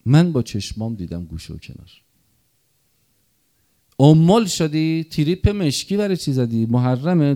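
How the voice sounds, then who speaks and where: A middle-aged man giving an impassioned mourning sermon, dropping to murmurs and rising to loud cries. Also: on the high side. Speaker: religious eulogist.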